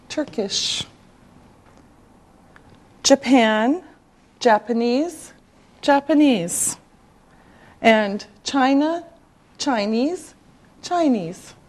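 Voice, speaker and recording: A woman's voice: high-pitched, animated, extremely slow, pauses often, a little mellow. A woman teaching a beginner language lesson, speaking with careful enunciation and repetitive drilling. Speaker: English teacher.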